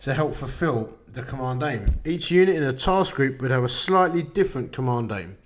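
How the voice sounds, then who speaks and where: A man's voice: medium pitch, lively intonation, moderate pace. A man with an Essex accent hosting a casual podcast with a blokey, bantering manner. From Essex, England. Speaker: podcast host. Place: echoey open-plan kitchen lounge at home.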